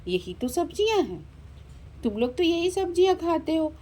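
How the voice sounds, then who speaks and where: A woman's voice: very high voice, sing-song, normal speed, warm tone, pitched above the performer's own voice. A woman voicing a pushy middle-aged female vegetable seller in a doll story, hawking in a sing-song and scolding a child.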